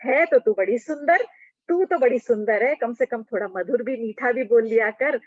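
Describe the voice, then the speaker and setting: A woman's voice: a little high, normal speed, no echo, lightly acted. A woman voicing a teasing, bossy young maiden companion guarding her mistress's door. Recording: dull lo-fi recording.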